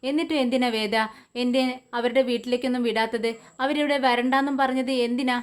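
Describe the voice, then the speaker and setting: A woman's voice: a little high, fairly even intonation, a little fast, lightly acted. A woman voicing a curious little girl. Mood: puzzled. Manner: pestering questions. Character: curious little girl questioning her mother.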